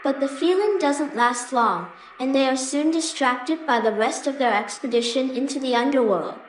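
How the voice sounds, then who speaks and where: A woman's voice: high voice, normal speed, far from the mic, faint music behind. A woman reading scripted narration for a fantasy story as the narrator. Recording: roomy echo, faint background noise.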